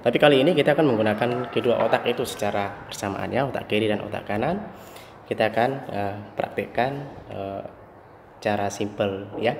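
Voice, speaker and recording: A man's voice: fairly low pitch, fairly quick, creaky, in a large hall, background noise. A young man talking casually to a phone camera in a small room, teaching a simple exercise, hesitant with many fillers and restarts. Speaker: instructor. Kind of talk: casual instructional talk to camera. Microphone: phone camera at close range.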